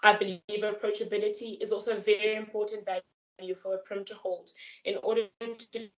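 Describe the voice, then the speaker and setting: A young woman who is a student candidate delivering a prepared campaign speech over a video call, earnest, measured and formal. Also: mid-range voice, level tone, a bit bright, poor audio. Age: young adult.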